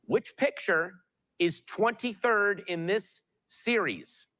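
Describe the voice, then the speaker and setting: A man's voice: high voice, slow, bright, forceful tone, dry recording. A man hosting a television quiz show, reading questions and teasing contestants playfully. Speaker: game show host.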